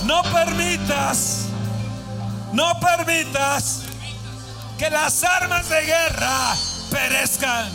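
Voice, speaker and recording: A man preaching a sermon, moving from calm Bible reading to fervent shouted declarations, recorded live in a church hall. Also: extremely high pitch, vocal fry. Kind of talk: sermon with prayer.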